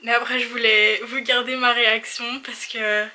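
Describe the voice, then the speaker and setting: High, very bright gushing woman. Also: moderate pace. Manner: gushing, excitable, exclaims often. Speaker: vlogger reacting to a film trailer. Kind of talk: casual reaction video.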